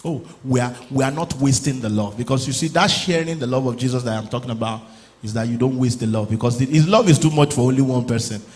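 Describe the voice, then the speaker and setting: A male pastor preaching a sermon in church, urging the congregation and sometimes rising to loud exclamations. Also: medium pitch, fast talker.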